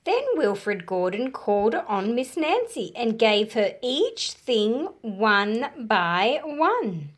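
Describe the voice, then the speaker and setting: Reading a picture book aloud to young children, a female storyteller uses a fairly high voice with wide pitch swings. She moves slowly and deliberately, shaping each phrase with animated expression.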